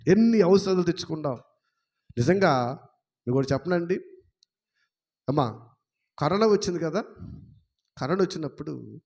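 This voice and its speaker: A man preaching a sermon as a pastor, emphatic, with repeated phrases and rhetorical questions, swinging between loud exclamations and low murmurs.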